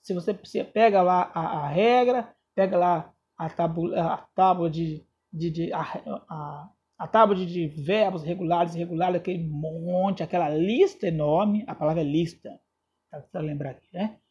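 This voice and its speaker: Teaching English grammar in a recorded lesson, a Brazilian Portuguese-accented man frequently checks on his students and spells endings out one letter at a time. His voice is fairly high, husky and darkish, at a moderate pace, and the audio sounds dull.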